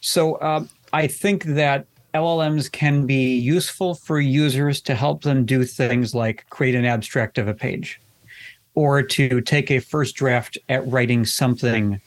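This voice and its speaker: A man's voice: mid-range voice, a little slow. A man answering interview questions about web accessibility in a candid, wry way, often restarting his sentences. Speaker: accessibility expert guest.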